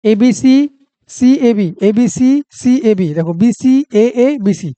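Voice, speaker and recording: A man's voice: very high voice, unhurried, mellow, dry recording. A man with a Bengali accent teaching a reasoning lesson for exam prep, talking through each step aloud and checking that students follow.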